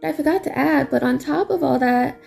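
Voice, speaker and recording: A woman's voice: high voice, normal speed, vocal fry, darkish tone, soft background music. A woman giving a casual video diary as a patient, talking carefully because her mouth is sore and it hurts to speak. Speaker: patient vlogger.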